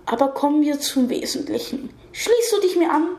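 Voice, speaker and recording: Smug, commanding young villain sorcerer, read by a woman, high voice, roomy sound. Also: lively intonation, normal speed, a little mellow. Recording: echoey room.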